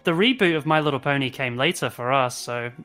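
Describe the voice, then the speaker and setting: A man's voice: mid-range voice, a little fast, fairly bright tone. A young adult man in casual discussion as co-host of a review show.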